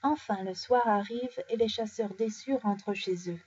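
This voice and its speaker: A French-speaking woman reading bedtime stories aloud, animated and changing her voice for each character. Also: medium pitch, normal speed, slightly rough. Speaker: storyteller. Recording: dull lo-fi recording.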